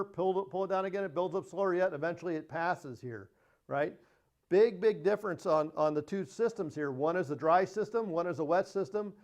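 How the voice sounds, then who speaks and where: Male instructor, higher voice, plain-spoken lecture on equipment. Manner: plain-spoken, repeats key points. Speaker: HVAC trainer. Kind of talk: technical training presentation.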